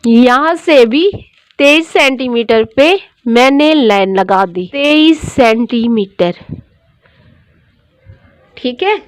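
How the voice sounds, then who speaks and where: A woman teaching a dressmaking tutorial, explaining each step patiently and repeating every measurement. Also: sits high.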